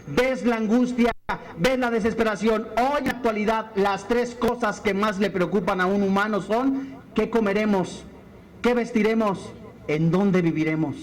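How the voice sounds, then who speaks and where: A male pastor with a strikingly high voice, preaching with fire. He drives his sermon along with pointed rhetorical questions. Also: normal speed.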